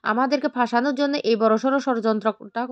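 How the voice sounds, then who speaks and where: A woman's voice: a little high, steady tone, fast talker, dry recording, muffled recording, lightly acted. Woman doing a worried young woman.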